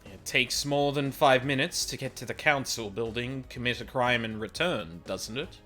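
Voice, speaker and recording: A man chatting casually with a friend over a game, animated and quick to laugh. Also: medium pitch, soft background music. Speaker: co-player. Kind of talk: casual let's-play chat.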